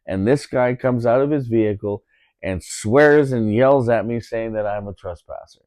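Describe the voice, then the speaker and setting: A man's voice: mid-range voice, normal speed, a little mellow, dry recording. Casual podcast co-host, male, indignant storyteller with fillers and restarts, close dry mic, mid-range voice. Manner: indignant, repeats himself, many fillers.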